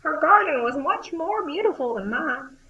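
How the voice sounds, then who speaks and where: A gentle, frail old grandmother speaks tenderly in a high, bright voice, played by a young woman. She has a heartfelt manner, and the amateur audio drama has a dull, lo-fi sound. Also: lively intonation, moderate pace, a little hiss or hum. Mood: wistful.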